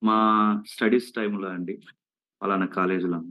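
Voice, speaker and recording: A man's voice: sits low, steady tone, moderate pace, a bit bright. A man voicing a young wife who respectfully pleads her innocence in a retold story. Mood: pleading. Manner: pleading, respectful "andi" endings.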